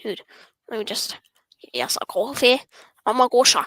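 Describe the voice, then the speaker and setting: A woman's voice: fairly high pitch, very animated, measured pace, fairly bright tone, dry recording. A woman streamer chatting to herself while gaming, joking and often dropping into whispers. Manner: jokey, self-interrupting. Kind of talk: casual gameplay commentary.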